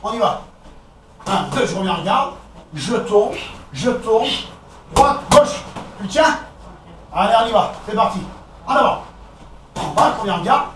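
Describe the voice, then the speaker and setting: A man with a French accent coaching a boxing session, counting out combinations and calling out punches in short, brisk commands. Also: sits high, lively intonation. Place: echoey boxing gym. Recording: echoey gym, distant camera, background noise.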